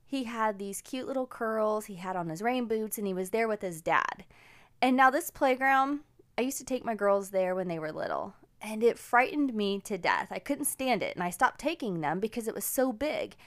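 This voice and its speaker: A woman's voice: medium pitch, animated, moderate pace, a bit bright. Middle-aged woman hosting a motivational podcast, upbeat and encouraging, chatty personal stories. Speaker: podcast host. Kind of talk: casual personal storytelling.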